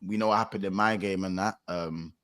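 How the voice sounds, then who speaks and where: A man's voice: deep voice, fairly even intonation, brisk, fairly bright tone, smooth. A man with a London accent chatting and telling stories casually on a football fan panel, repeating phrases for emphasis. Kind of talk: casual chat, storytelling.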